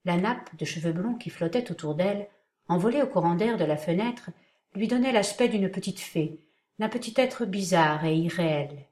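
A woman narrating a novel aloud in a steady, measured way. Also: on the low side. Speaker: audiobook narrator. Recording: roomy echoing room.

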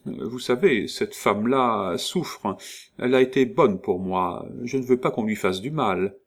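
A man's voice: on the low side, a little slow. A man reading an audiobook, voicing a brash, unflappable young Parisian woman with a cool, cheeky manner. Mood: earnest.

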